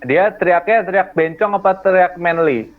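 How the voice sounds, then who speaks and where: A man's voice: high voice, normal speed. A man, a podcast co-host tossing in joking, teasing questions. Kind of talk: casual podcast chat. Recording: tinny phone-like sound.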